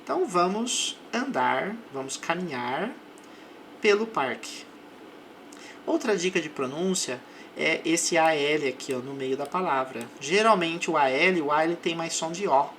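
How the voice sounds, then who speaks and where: Brazilian male English teacher, unhurried lesson voice that slows further on example phrases, faint background hiss. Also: a little high, lively intonation, a bit bright. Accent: Brazilian Portuguese. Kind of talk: slow explanatory language lesson.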